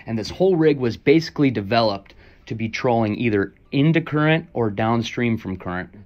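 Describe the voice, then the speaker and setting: A young man giving a relaxed, instructional voice-over about a fishing rig for his fishing vlog. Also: lowish voice, dull audio.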